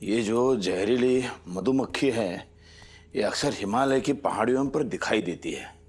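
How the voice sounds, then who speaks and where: A man's voice: on the low side, a little slow, slightly rough. A fussy, bossy middle-aged father. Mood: explaining. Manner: instructive, bossy, giving orders. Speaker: father of the bride. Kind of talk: TV sitcom acting. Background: background music.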